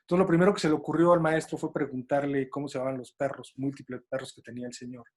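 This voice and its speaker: Talking fast in a flat, mid-range voice, a Mexican-accented man runs a panel discussion in an informal, colloquial style. He weaves stories into his moderating.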